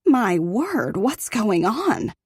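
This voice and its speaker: A woman voicing a fussy older female school receptionist who chatters primly and quickly. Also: a little high, big pitch swings, a little mellow, husky, dry recording, clean studio sound, heavily acted. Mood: fussing.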